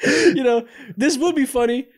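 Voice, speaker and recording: A man's voice: extremely high pitch, moderate pace. A man co-hosting a casual sports podcast, blunt and laughing often. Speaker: podcast co-host.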